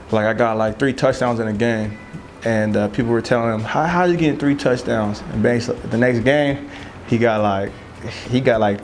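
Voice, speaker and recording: A man's voice: mid-range voice, darkish tone, a little hiss or hum. A young man from Southern California, a football player, talking loosely in an interview and filling his speech with "you know what I mean". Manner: loose, rambling, filler-heavy. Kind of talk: casual interview talk.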